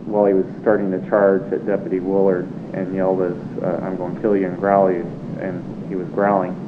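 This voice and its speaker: A man's voice: low-pitched, completely flat delivery, moderate pace. A man, a police officer, giving hesitant recorded testimony full of fillers. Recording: tinny phone-like archive tape with hum.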